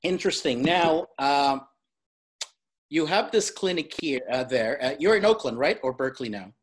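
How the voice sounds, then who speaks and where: Husky-voiced woman in her fifties, chatty. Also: low voice, expressive, moderate pace. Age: 50s. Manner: chatty and self-deprecating, laughs often. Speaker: vlog host, interviewer. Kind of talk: casual interview chat.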